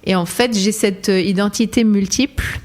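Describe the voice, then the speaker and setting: A female singer who grew up between France, Lebanon and Ivory Coast speaks as a guest in a casual interview, reflective and searching, hesitating often and laughing frequently. Her medium-pitched voice keeps a fairly even intonation at a normal speed.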